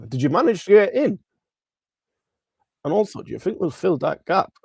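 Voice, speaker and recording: Male livestream host, chatty market commentary, congested swollen-tonsils voice with gravelly fry, dry sound. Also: high-pitched, very animated, normal speed, darkish tone, dry recording. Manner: informal, chatty, addressing viewers. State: congested, strained throat from tonsillitis and a cold. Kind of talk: casual live stock market commentary.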